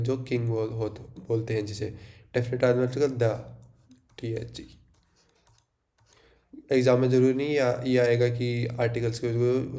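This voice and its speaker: Mellow and mid-range, the young Indian teacher's voice carries an exam revision lecture with English mixed in. He keeps saying "theek hai" to check in and answers the questions he asks himself.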